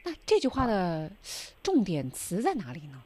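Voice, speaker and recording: A woman's voice: lowish voice, huge pitch swings, moderate pace, mellow. A woman hosting a radio English lesson, prompting the teacher with questions and cueing listeners. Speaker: radio host.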